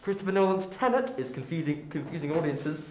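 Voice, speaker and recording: A man's voice: on the high side, expressive, quick pace, slight background noise, close to an everyday voice. Man playing an awkward young news anchor, echoey room. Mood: matter-of-fact. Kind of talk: spoof news bulletin presenting.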